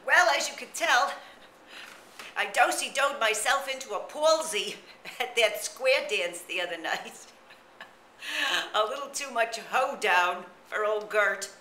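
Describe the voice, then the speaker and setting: Man voicing a brassy, frail old gossip of a lady, bright wobbly voice, roomy echo. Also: extremely high pitch, expressive, takes it slowly, slight background noise, heavily acted. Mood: gossipy. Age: older. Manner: chatty, rambling, full of "you know" and cackling asides. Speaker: comic character monologue. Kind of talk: character comedy monologue to camera.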